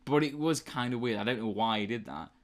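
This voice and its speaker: He talks at a quick pace in an animated, mid-range voice. A young British man co-hosting a book review podcast, he keeps things casual and rambling, with many fillers and restarts.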